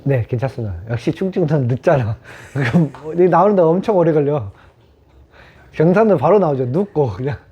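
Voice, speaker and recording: A man's voice: fairly high pitch, expressive, brisk. A man giving a Buddhist dharma talk to a small group, questioning them and repeating key words. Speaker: meditation teacher. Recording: dull lo-fi sound.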